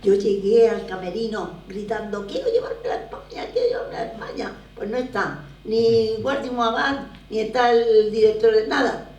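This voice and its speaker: A woman's voice: on the high side, normal speed. An older woman from Barcelona, a theatre producer, telling stories emphatically in an interview. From Barcelona, Spain. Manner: animated, emphatic storytelling. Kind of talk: conversational interview. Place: lecture room at a drama school. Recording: echoey room, voice from far off, faint noise.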